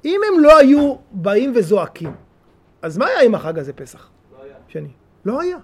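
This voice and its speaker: A man, a rabbi, giving a weekly Torah talk, animated, rising to pleading cries and dropping to soft asides. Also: very high voice, slight background noise.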